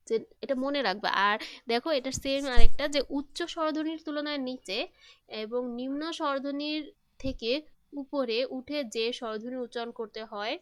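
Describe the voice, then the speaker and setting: A woman's voice: a little high, no room sound. Woman teacher walking through quiz answers. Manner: patient, asks questions then answers them. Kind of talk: explaining multiple-choice answers.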